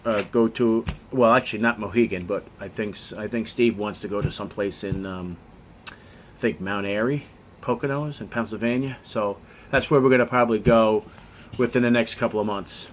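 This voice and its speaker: A man vlogging to camera in a casual, earnest way, with many restarts, often dropping low and quiet on sincere points. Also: a little hiss or hum.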